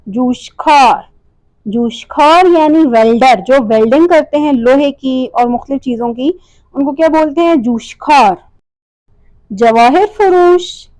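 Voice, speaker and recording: A woman teaching a language lesson over slides, repeating each word slowly and asking and answering her own questions. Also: high voice, a little mellow, dry recording, poor audio.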